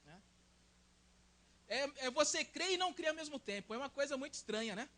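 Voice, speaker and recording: A young man with a Brazilian Portuguese accent preaches a sermon. His voice sits very high and sounds bright and forceful. He talks like a friendly conversation and keeps checking in with "né?". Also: expressive, fairly quick. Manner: conversational, tags sentences with "né?".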